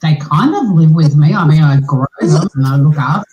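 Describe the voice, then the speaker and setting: An Australian woman hosting a scambaiting livestream, asking teasing, deadpan questions on a prank call. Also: low voice, a little fast, echoey room.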